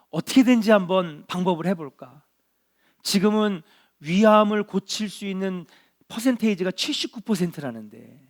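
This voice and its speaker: A middle-aged male pastor delivering a sermon in an earnest, unhurried way. His voice sits a little on the higher side for a man. He leans on rhetorical questions and short affirming interjections.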